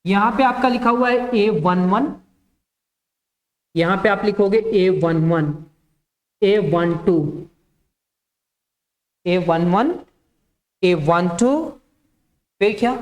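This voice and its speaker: Slow, patient woman teaching maths. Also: medium pitch. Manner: asks the class questions and answers them herself, repeating key terms; slow, step-by-step dictation. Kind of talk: classroom maths lesson.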